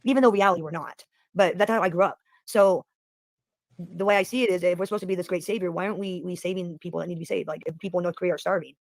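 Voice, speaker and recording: American male streamer, rambling profane rant, very fast delivery, dry mic. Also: high voice, vocal fry, dry recording. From United States. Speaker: livestream host. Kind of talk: casual political rant on a livestream.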